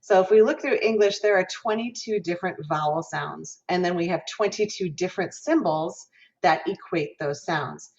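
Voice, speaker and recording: A woman's voice: fairly low pitch, moderate pace, darkish tone. A woman from Minnesota teaching an online diction lesson as a guest professor, explaining and voicing vowel sounds aloud over a video call. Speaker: guest lecturer, music professor. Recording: dull lo-fi video call audio.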